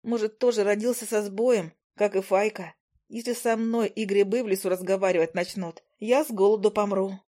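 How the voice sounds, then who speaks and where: Woman, audiobook narration, first-person storytelling, wry and lively. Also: medium pitch, moderate pace.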